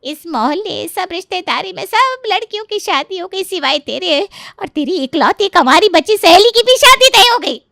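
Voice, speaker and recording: A woman voicing an anxious middle-aged mother who nags and shouts at her daughter in a cartoon story. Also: medium pitch, lively intonation, moderate pace, no room sound, clean studio sound. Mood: angry scolding. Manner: loud, shouting, nagging. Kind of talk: cartoon voice acting.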